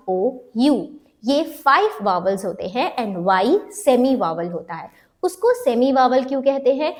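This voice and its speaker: A woman's voice: on the high side, a little mellow. A woman teaching a phonics lesson step by step, mixing Hindi with English terms and repeating each sound for learners.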